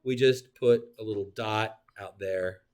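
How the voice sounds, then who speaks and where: A man's voice: lowish voice, a little slow. A male geometry teacher giving a classroom lecture, explaining definitions with playful asides and questions to his students. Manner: animated, joking asides, talks to students.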